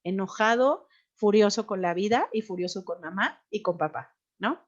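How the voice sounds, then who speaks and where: A woman gives an informal talk, explaining ideas in a relaxed, conversational way. She often checks in with the listeners and now and then acts out scolding parents. The sound is a little dull and muffled. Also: medium pitch, moderate pace. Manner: conversational, tags questions with "¿no?", frequent fillers; acts out angry and scolding quotes. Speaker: speaker on child development.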